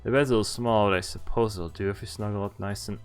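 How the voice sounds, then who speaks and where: This streamer has a fairly low, clear, resonant voice with fairly even intonation and a quick pace. Reading a visual novel aloud over its game music, he jokes around informally, tosses in casual asides, and sometimes stumbles on the text.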